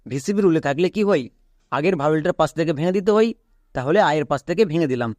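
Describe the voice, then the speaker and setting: Bengali-accented male tutor, slightly higher voice, dry close sound, patient rule-by-rule explanations. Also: lively intonation, quick pace, darkish tone, no room sound. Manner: asks and answers his own questions, repeats key words. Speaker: English spelling teacher. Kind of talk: step-by-step classroom explanation.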